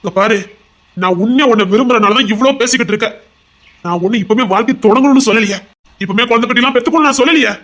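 Man acting obsessive young doctor lover, Tirunelveli Tamil accent, pleading and threatening, fast. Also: very high voice, fairly bright tone. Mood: insistent. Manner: pleading, insistent, turning threatening. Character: young male heart doctor, desperate possessive lover. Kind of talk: audio drama acting.

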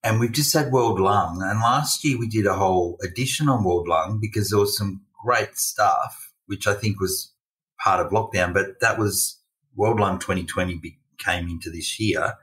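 A man co-hosts a podcast, chatting casually in short, easygoing remarks. His voice is low and sounds set back from the microphone. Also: moderate pace, a bit bright, far from the mic, rough recording. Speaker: podcast co-host. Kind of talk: casual chat.

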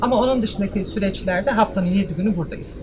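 A woman's voice: medium pitch, fast, noisy background. A woman in her forties, a cafe owner, answering interview questions confidently and gesturing as she explains. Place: outdoor cafe terrace.

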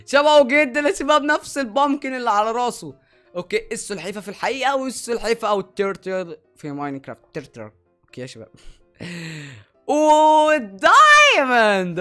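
A man's voice: extremely high pitch, fairly bright tone. A young man with an Egyptian Arabic accent hosting a reaction video, talking eagerly and exclaiming as he keeps calling out to his viewers. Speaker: YouTube reaction host. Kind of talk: excited reaction commentary.

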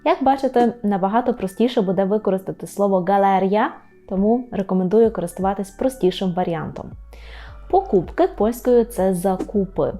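A woman with a mellow, warm voice leads a video language lesson. She explains patiently, repeats every new word twice and often pauses to check that listeners follow. Soft music plays faintly behind her. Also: mid-range voice, animated. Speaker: Polish language teacher.

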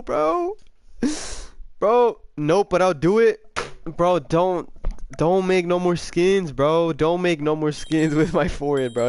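A young man chatting casually with viewers during a gaming livestream, excitable, repeating himself and full of slang, his voice a bit sick. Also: on the high side, clear, resonant tone. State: slightly sick voice.

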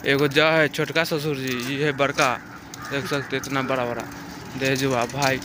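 This is a young man's chatty walking narration for a village vlog, spoken to a handheld phone camera held out at arm's length in a foggy field. His mid-range voice is delivered flatly at a moderate pace, and the background is noisy.

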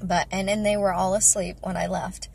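A vlogger and mother of five in her thirties talks about faith and family from inside her parked car, speaking into a phone camera at arm's length and rambling with plenty of fillers. Her medium-pitched voice is creaky and a little mellow, her delivery flat at a moderate pace, with a little hiss or hum.

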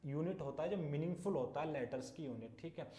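A man's voice: a little high, a little fast, warm tone. A male teacher giving an English lesson, asking questions and repeating the answers. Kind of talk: classroom English lesson in Hindi. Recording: echoey room.

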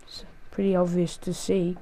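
A man's voice: high-pitched, completely flat delivery, normal speed, warm tone. A male gaming host giving casual, rambling gameplay commentary, counting aloud and joking at himself as he plays. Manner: rambling, self-mocking, counts aloud while playing.

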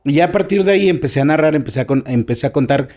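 This Mexican-accented man talks rapid-fire as a podcast guest telling stories, his slightly high, darkish voice full of lively intonation. He changes tone and stresses words throughout the casual conversation.

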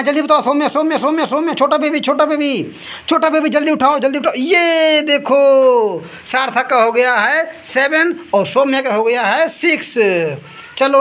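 A high-voiced woman oversees two kids hunting for toys, calling the play as it happens. To rush them she rapidly repeats what they need to find, and she scolds and laughs between rounds.

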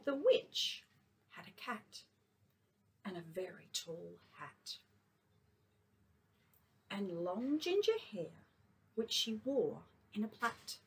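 A kindergarten teacher reading a picture book aloud to children, gentle and expressive. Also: female voice, medium pitch, slow pace, gravelly, long pauses, a little hiss or hum.

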